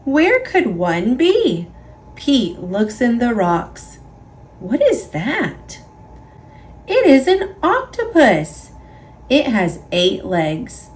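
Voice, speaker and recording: A woman reading a children's picture book aloud in an expressive, deliberate storytelling way for young listeners. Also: a little high. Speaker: storybook reader. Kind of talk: children's read-aloud narration.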